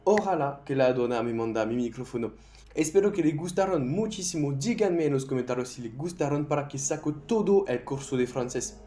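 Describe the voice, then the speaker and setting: A man whose first language is French, teaching a beginner language lesson and stretching out each example word slowly. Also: on the high side, warm tone. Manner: slow, drawn-out model pronunciations. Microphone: no proper microphone.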